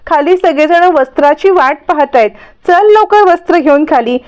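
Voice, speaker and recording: Woman reading as a calm young bride, reassuring, firm, high voice. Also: moderate pace, natural voice.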